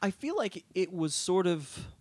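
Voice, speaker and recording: A man co-hosting a podcast, chatting casually about books with relaxed fillers. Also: high voice, unhurried, no echo. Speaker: podcast co-host. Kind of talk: casual book chat.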